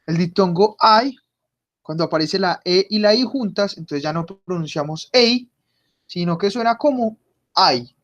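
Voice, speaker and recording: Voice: mid-range voice, moderate pace. Online German teacher. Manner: patient, drills pronunciation by repeating words. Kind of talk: online class explanation. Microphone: computer mic on a video call.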